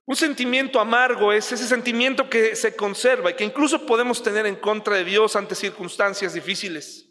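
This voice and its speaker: A man with a Mexican accent preaching a sermon, his voice very high and bright. He talks in a chatty way, asks the listeners questions and acts out everyday scenes. The long reverb of a large hall trails after his words. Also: normal speed. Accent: Mexican Spanish.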